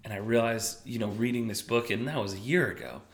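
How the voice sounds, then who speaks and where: A man's voice: on the low side, steady tone, brisk. A man co-hosting a podcast, telling a story in casual chat, self-deprecating and sometimes dropping to a whisper for emphasis. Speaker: podcast co-host.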